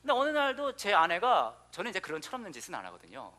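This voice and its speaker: A man in his thirties preaching a sermon, telling stories with questions to the congregation, sometimes dropping to a soft, hushed tone. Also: sits high, fast talker. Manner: animated storytelling, asks the congregation questions; drops to soft, near-whispered prayer tone. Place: church hall.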